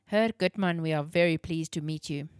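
A woman voicing a calm, friendly father in a storybook reading. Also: sits low, moderate pace, smooth, dry recording, clean studio sound, close to an everyday voice.

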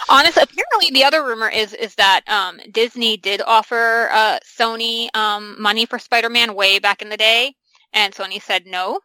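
A woman in her thirties talks in loose, rambling podcast chat, her voice bright and forward. The sound is dry and close, with no room around it. She strings thoughts together with fillers and restarts. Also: a little high, moderate pace, no echo, low-quality recording. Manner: chatty, rambling, tells stories with fillers. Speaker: podcast co-host. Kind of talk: casual chat about comic films.

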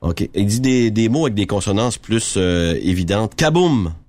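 A man with a Quebec French accent making a prank phone call, posing as a phone company engineer in a mock-official, deadpan way. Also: on the low side, normal speed, no echo. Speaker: prank caller.

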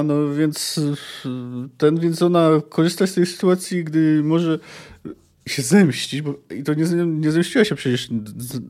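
A man hosting a book podcast, summarizing and discussing a novel chapter. His voice sits fairly high for a man. He talks hesitantly, with frequent filler sounds. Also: a little mellow. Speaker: podcast host.

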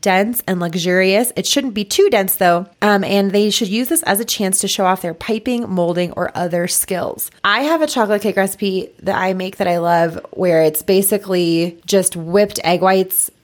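This is a woman from the United States co-hosting a casual podcast, talking at a middling pitch. She recaps scenes in an easy, chatty way and breaks into laughs now and then. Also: normal speed, few pauses. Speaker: podcast co-host.

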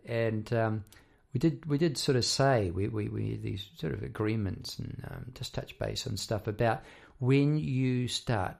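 A man hosts a casual, reflective monologue as a working musician. His voice is croaky and gravelly, with plenty of fry. He speaks in a halting, rambling way, doubling back on his words as he thinks aloud. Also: mid-range voice, a little mellow. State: croaky voice after poor sleep. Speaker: songwriter and musician hosting a half-hour talk.

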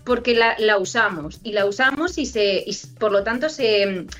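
A woman Spanish teacher chatting as a podcast guest, telling stories in an animated way with many restarts. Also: mid-range voice, normal speed, faint music behind. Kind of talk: casual chat.

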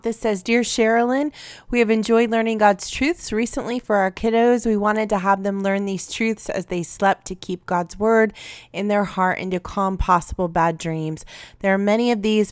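A woman hosts a podcast and reads listener letters aloud with gentle encouragement. Her voice is smooth and resonant. The sound is dry and close, with no room around it. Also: mid-range voice, no room sound. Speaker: podcast host. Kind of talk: reading listener reviews aloud.

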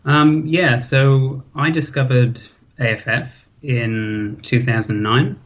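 A man in his thirties with a British accent, talking casually as an interview guest, often pausing with ums and restarting sentences. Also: mid-range voice, steady tone, muffled recording. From Hong Kong. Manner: hesitant, many ums and restarts. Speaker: interview guest, forum member.

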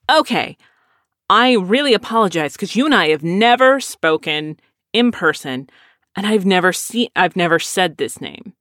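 In a loose, chatty way, a podcast host in their late thirties takes listener questions, drifting into tangents and making fun of themselves. The middling-pitched voice has a fairly bright tone and is recorded dry, with no room sound.

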